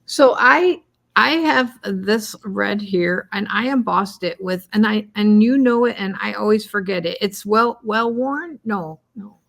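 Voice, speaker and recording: A woman's voice: medium pitch, measured pace, vocal fry, a bit bright. A woman co-hosting a cardmaking video, chatting casually and a little rambly as she demonstrates. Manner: chatty, rambling, self-deprecating. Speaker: cardmaking co-host.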